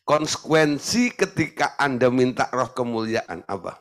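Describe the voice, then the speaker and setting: Animated preaching man. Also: medium pitch, measured pace. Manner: animated preaching with jokes and playful mimicry. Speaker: pastor. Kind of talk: sermon.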